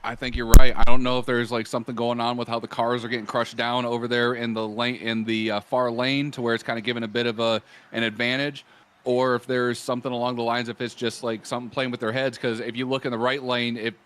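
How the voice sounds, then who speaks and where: A man's voice: medium pitch, level tone, fast talker, fairly bright tone, clear, resonant tone. A man doing easygoing, joking play-by-play commentary from a booth at a motorsport event. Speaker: race commentator. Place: commentary booth at a fairground track.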